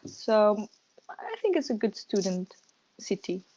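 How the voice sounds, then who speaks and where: A young woman from Tunisia, a medical student, chatting casually in an interview, laughing often and pausing with fillers. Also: medium pitch, sing-song, mellow, highs cut off, a little hiss or hum.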